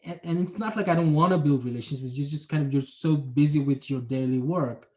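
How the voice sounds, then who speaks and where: This young Bangladeshi man's voice is a little high, brisk, and dark in tone. He's an urban planner being interviewed casually as a guest, reflecting on his job and hedging with frequent fillers.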